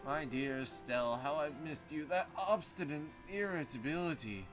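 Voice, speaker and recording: A man's voice: a little high, normal speed, over music, close to an everyday voice. A man voicing a pompous, flamboyant young male bard who talks in grandiose, flowery phrases.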